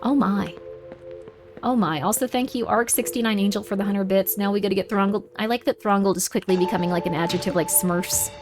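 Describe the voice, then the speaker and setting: With prominent video game music behind her, a female streamer reacts aloud to her game, keeping the chat casual and playful. She speaks fairly quickly in a mid-range voice.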